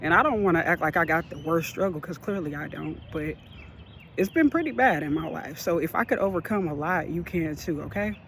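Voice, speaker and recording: High-voiced man giving earnest pep talk. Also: expressive, a little fast, creaky, fairly bright tone, slight background noise. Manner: earnest, encouraging, rambling with many fillers. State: a bit out of breath. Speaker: vlogger. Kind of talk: motivational vlog talk.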